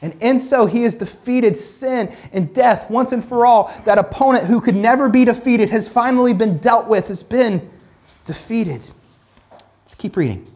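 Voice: medium pitch, moderate pace, darkish tone. A pastor teaching casually from the Bible, reading scripture aloud and then building emphatic points with repeated phrases and many "like" fillers. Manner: reads scripture aloud between comments.

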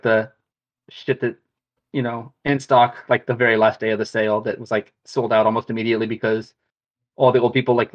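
Rambling male co-host, dull lo-fi sound. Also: mid-range voice. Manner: rambling, slangy. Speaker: podcast co-host. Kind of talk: casual chat.

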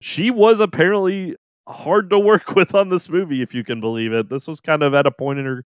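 A man's voice: fairly high pitch, fairly quick, smooth, dry recording, studio quality. A man co-hosting a podcast, chatting enthusiastically about a film and laughing often. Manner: enthusiastic, laughs often, quotes movie lines. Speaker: podcast co-host. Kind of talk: casual chat.

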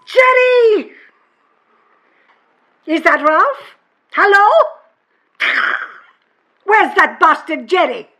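An actress playing a furious woman hunting a missing man, shouting threats in a voicemail played over a phone. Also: very high-pitched, sing-song, drawn-out words, long pauses, exaggerated voice. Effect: voicemail message played over a phone.

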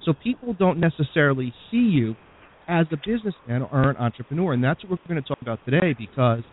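A man's voice: a little high, expressive, quick pace. A man with an American accent hosting a radio interview in a conversational style. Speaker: radio show host. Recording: phone-like band with clear background noise.

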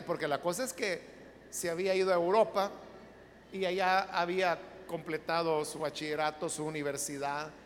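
Male pastor, chatty sermon storyteller, long church reverb, faint hum behind. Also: a little high. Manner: conversational storyteller, with frequent asides.

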